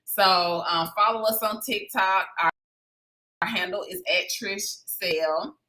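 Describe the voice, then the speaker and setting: Casting: bright-voiced woman, realtor hosting a livestream, chatty and promotional. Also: mid-range voice, unhurried, low-quality recording. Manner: chatty and promotional, with southern "y'all". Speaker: real estate agent hosting a weekly live stream. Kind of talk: casual live-stream talk to viewers.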